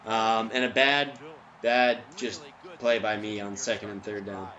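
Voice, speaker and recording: A man's voice: on the low side, level tone, unhurried, bright, forceful tone, muffled recording. A man giving casual, rambling commentary over a video game, full of ums and side tangents, recorded at home. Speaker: gameplay commentator. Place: at home, neighbor's music nearby.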